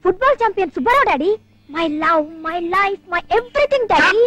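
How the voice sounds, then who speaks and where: A woman's voice: extremely high pitch, animated, moderate pace, fairly bright tone. A woman playing a flighty young daughter in an old film comedy, giggly and mixing in English words. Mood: giddy. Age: young adult. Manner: giggly, mixes English words, repeats a pet phrase. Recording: dry old film soundtrack with music.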